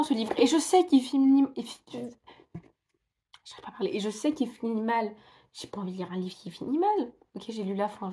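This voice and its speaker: A woman's voice: mid-range voice, darkish tone. A young woman in casual vlog chat, rambling and self-mocking with lots of fillers. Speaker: book vlogger.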